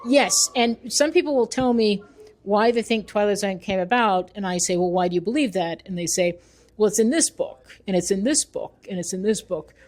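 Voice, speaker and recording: A middle-aged female author and researcher fields interview questions in a conversational style, opinionated, emphatic, and keen to explain. Her mid-range voice has a darkish tone and a moderate pace.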